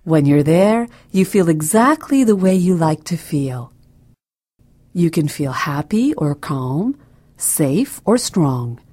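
A woman narrating a guided relaxation for children in a soft, soothing, breathy voice that drops to a near whisper. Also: low voice, animated, slow, no room sound.

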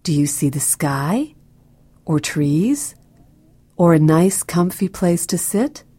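Soft, slow, breathy woman guiding relaxation. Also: on the low side, animated, no echo. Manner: soft, soothing, gentle delivery with breathy, near-whispered phrases. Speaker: guided meditation narrator for children. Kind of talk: scripted guided relaxation narration.

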